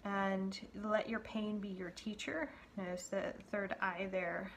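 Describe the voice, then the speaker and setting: Lady doing a tarot reading, gravelly voice, gentle and stumbly, slips into whispers, bit of background hiss. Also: mid-range voice, fairly even intonation. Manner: gentle, halting, many fillers and restarts. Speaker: tarot card reader. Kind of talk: intuitive card reading to viewers.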